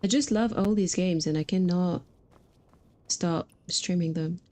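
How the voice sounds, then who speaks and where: A woman streamer chats casually and informally with her viewers while playing a video game. Her voice is lowish, mellow, and unhurried.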